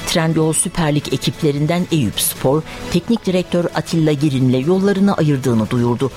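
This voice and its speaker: Formal news announcer over background music. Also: medium pitch. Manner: formal, measured enunciation. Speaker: news and traffic bulletin announcer. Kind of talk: formal scripted news reading.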